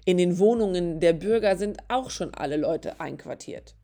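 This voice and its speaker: A woman voicing a busy, gruff male innkeeper in a storybook reading. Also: on the low side, normal speed, mellow, close to an everyday voice. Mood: brusque. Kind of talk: storybook narration.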